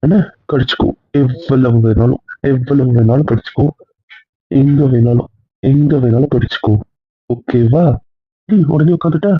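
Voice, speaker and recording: A man's voice: mid-range voice, moderate pace, long pauses, husky, no echo. A man playing a husband in a comedy audio drama, coaxing and playful. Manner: pleading and playful. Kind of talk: casual role-play banter. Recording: tinny, phone-like sound.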